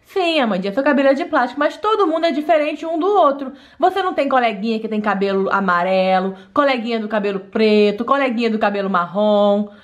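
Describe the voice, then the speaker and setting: Woman playing a gentle, coaxing mother. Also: fairly high pitch, animated, fast, hardly any pauses, dull audio, close to an everyday voice. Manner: coaxing, soothing, repeats the child's name. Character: gentle patient mother of a doll girl. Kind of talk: doll play storytelling.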